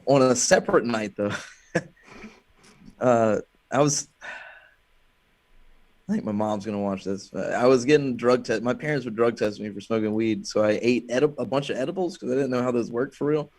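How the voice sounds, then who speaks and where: A man from Alabama with an ordinary mid-range voice, talking loosely and poking fun at himself. He laughs easily as he tells old stories in relaxed podcast chat. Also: mid-range voice, moderate pace, pauses often. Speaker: guest comedian.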